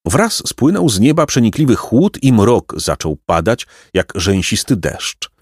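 A man narrating a children's storybook in an expressive, lyrical reading. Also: fairly low pitch, measured pace, no echo, clean studio sound. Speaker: audiobook narrator.

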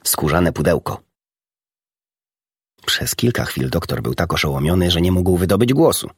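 A man narrating a children's storybook in a steady, even-paced reading. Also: deep voice, moderate pace, breathy edge, no room sound, clean studio sound. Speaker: audiobook narrator.

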